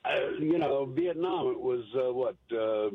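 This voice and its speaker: A man calling in to a radio talk show on a crackly cell phone from his car, the line fading in and out, speaking haltingly with pauses and restarts. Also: mid-range voice, vocal fry, breathy edge, dry recording. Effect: crackly cell phone call from a car, fading in and out. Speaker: caller.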